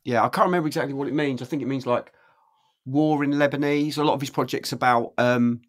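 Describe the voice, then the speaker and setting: A man's voice: medium pitch, steady tone, fast. A man with a North Suffolk English accent in casual podcast chat, speaking in a hesitant, unsure way. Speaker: podcast co-host.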